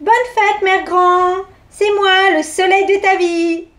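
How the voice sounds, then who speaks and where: A woman puts on a shrill, excitable little girl from a storybook, pitched high above her reading voice. She cries out in bright, breathless bursts. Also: takes it slowly, heavily acted. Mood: chirpy.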